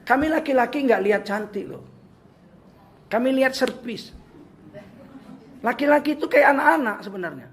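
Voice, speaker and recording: An older preacher from Medan, North Sumatra, Indonesia, speaks with a Medan Indonesian accent and gives his audience a funny talk, joking and mimicking the people he quotes. His voice is high for a man, with lively intonation, normal speed and long pauses. Faint ambient hum and a little hiss sit beneath the recording.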